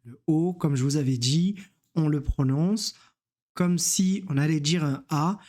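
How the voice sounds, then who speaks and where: A man's voice: fairly high pitch, measured pace, a little mellow. A man teaching reading, sounding out letters and syllables one at a time and repeating each word. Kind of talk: slow step-by-step reading lesson.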